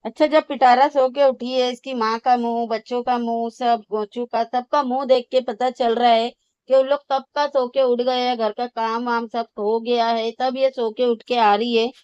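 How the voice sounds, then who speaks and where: A woman's voice: a little high, level tone, normal speed, a little mellow, clear, resonant tone, no echo, lo-fi sound. A woman giving angry, sarcastic commentary on a vlog, scolding and insulting the people in it as she reacts. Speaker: reaction channel host.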